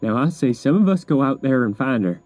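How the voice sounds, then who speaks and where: A man's voice: medium pitch, expressive, fairly quick, a little mellow, dry recording, faint music behind, natural voice. A man voicing a sensible, folksy farm pony mare who speaks plainly. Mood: earnest.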